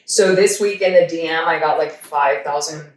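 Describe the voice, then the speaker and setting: A chatty woman hosts a relaxed conversation, telling stories with plenty of self-quoting. She sits a little away from the mic in an echoey room, and her voice sits slightly lower than most. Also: moderate pace, distant mic. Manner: chatty storyteller, acts out what others said. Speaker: host. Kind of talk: casual chat.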